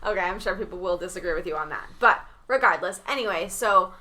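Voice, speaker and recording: Woman, southern Massachusetts–Rhode Island accent, bright crisp tone, chatty with fillers, casual podcast co-host. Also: fairly low pitch, quick pace. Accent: mixed southern Massachusetts and Rhode Island. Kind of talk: casual chat.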